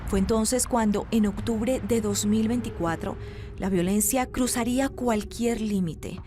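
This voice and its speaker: A woman with a Colombian accent giving measured, grave, scripted narration for an investigative news report. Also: mid-range voice, noisy background.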